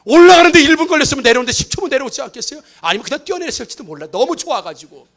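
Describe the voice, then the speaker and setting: Man, pastor, very high voice, animated sermon, acts out characters, church sanctuary. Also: very fast. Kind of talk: lively Easter sermon with acted asides.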